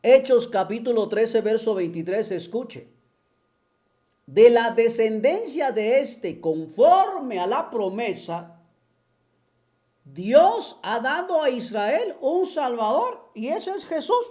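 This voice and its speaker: A mocking monologue from a speaker, slow and drawn out, the pitch swinging widely. The tone is dark and mellow, taunting the listener with repeated rhetorical questions and a scornful chuckle. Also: very animated. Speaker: online religion critic.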